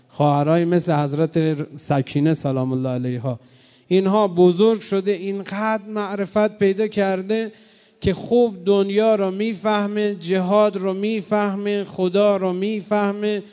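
A man with a high voice preaches a mourning sermon. He swings between loud, ringing cries and low, grieving passages. His voice trails off into a long reverb, as in a large hall. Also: steady tone, clear, resonant tone.

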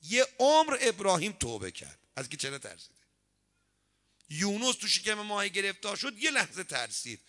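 A man preaching a sermon, telling stories and acting out the quoted dialogue in an animated way. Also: high-pitched. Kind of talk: sermon with storytelling.

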